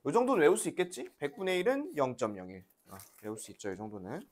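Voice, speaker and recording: A woman's voice: deep voice, huge pitch swings, fast, darkish tone. A woman teaching a math lesson to young children in a classroom, patiently asking questions and having the class repeat after her. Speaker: elementary school teacher.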